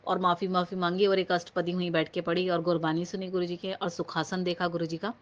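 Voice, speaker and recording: A woman's voice: fairly low pitch, little pitch movement, a little fast. A woman from Uttar Pradesh telling a personal devotional story to a congregation, rambling, with many fillers and restarts. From Uttar Pradesh, India. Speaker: devotee sharing a testimony. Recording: slightly dull home phone recording.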